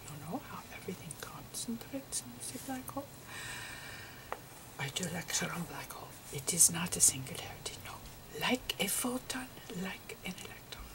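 A woman plays Einstein as a gentle, eccentric elderly physicist, giving a whispery, halting ASMR lecture full of repetitive professorial asides. Her voice is on the low side, and the recording is rough.

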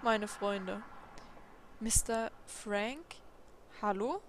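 A woman commenting casually on a game she plays, quietly musing aloud and asking herself questions. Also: mid-range voice, extremely slow. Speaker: let's play host. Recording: audible background noise.

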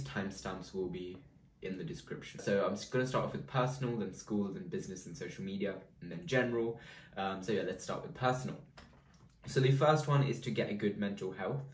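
A teenage boy, a vlogger, chatting casually with lots of ums and likes. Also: lowish voice. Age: teens. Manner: chatty, filler-heavy, lots of "um" and "like". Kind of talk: casual vlog talk. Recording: echoey room with faint noise.

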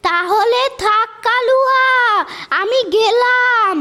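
A woman voicing a cheerful old village midwife who calls out loudly and drags her words in an amateur village drama. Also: very high-pitched, slow. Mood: hearty. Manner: loud, calling out, drawn out.

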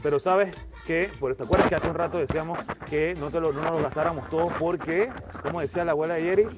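A man's voice: on the high side, fast, over loud music. A man with a Panamanian Spanish accent performing as a children's party magician on a live stream, showy and playful as he cheers on the audience.

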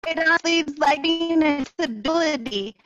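A woman's voice: high-pitched, slow pace, highs cut off, over music. A woman in her forties giving emphatic public comment over a buzzy, glitchy call line that keeps breaking up. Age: 40s. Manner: emphatic, repeating phrases in fragments. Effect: buzzy, glitchy call audio that breaks up. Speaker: caller giving public comment at a town meeting. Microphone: phone or video call.

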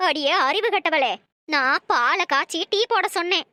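A woman's voice: extremely high pitch, normal speed, bright, forceful tone, no echo, studio quality. A woman voicing a bossy old mother-in-law in a cartoon, scolding and threatening.

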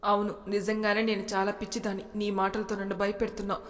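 A woman voicing a feisty, quick-tempered young woman who argues back indignantly. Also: medium pitch, monotone, natural voice. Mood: angry. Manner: indignant, pleading. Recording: long reverb.

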